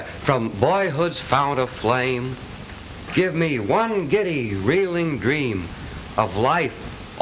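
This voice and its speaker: An actor playing an earnest, lovestruck young son with florid, declamatory delivery in stagey 1920s comedy film style. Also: male voice, medium pitch, a bit bright, rough recording. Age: young adult. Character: lovestruck, earnest, melodramatic college-boy son. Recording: hissy 1920s film soundtrack.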